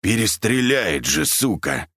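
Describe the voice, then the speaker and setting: A man voicing a brash young fellow who barks and shouts gruffly. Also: lowish voice, big pitch swings, slow pace, no echo, studio quality, full character voice. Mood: urgent. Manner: gruff, barking.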